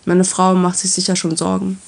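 A woman voicing a grumpy, stubborn male dwarf in a storybook reading, gruff and scornful. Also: lowish voice, monotone, normal speed.

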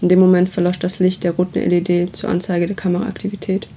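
A woman reading a story aloud as its narrator, with steady, even delivery. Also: on the low side, fast, slight background noise.

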